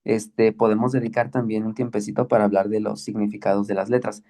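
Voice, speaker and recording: Patient male Greek teacher, dark voice. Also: on the low side, flat delivery. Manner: patient, explains slowly with many checks like "¿ok?" and "¿sí?". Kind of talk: online class lesson.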